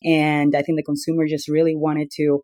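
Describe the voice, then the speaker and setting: Woman, even-toned interview guest. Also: sits low, fairly quick, no room sound. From Peru. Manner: explanatory, steady, with occasional fillers. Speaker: company founder as guest. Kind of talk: conversational interview answers.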